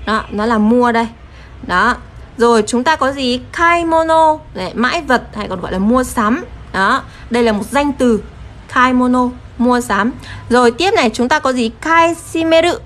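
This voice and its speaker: A woman teaching a live-streamed kanji lesson, her voice sitting a little high. She is patient and keeps pausing to check in with viewers. A faint hiss runs under the recording. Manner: patient, checks in often with rhetorical questions. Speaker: Japanese teacher.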